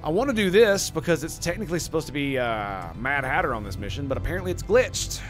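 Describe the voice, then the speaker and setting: Animated male game streamer. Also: fairly high pitch, quick pace, music in the background. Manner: animated, swears and groans at his own mistakes. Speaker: streamer playing a strategy game. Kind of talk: casual live-stream commentary.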